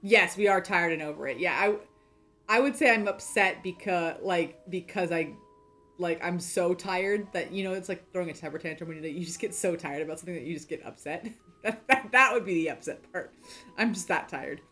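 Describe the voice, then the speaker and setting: A woman's voice: on the low side, fairly quick, pushed and bright, soft background music. A woman in her thirties chatting casually during a game playthrough, rambling and self-deprecating, with lots of fillers and restarts. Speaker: game streamer.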